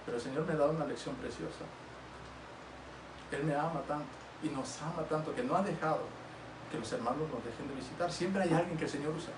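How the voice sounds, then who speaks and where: Male pastor, earnest sermon delivery, high voice, captured distantly in a roomy church hall. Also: fast talker, noisy background. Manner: earnest, swings between loud exhortation and hushed storytelling.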